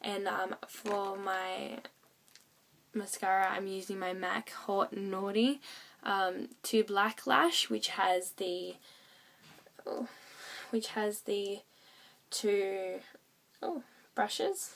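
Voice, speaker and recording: Woman, beauty vlogger, hoarse with a cold, hesitant delivery. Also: medium pitch, steady tone, drawn-out words, pauses often, fairly bright tone. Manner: hesitant, many fillers. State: croaky from a cold. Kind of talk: casual makeup tutorial.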